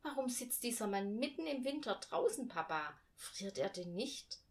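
A woman voicing a young girl in a children's storybook, eager and tender-hearted, with a high, pleading manner. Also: sing-song, moderate pace.

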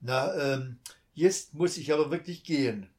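A man's voice: a little high, animated, measured pace. A man voicing a kindly old male burglar in a storybook reading, grumbling and reassuring. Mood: hasty.

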